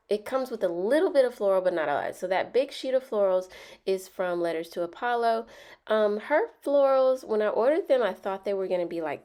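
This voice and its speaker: Narrating her planner video, a young woman with a Southern accent chats casually, rambling with lots of ums and likes. Her voice is mid-range and dark in tone, stuffy and a bit nasal from a cold.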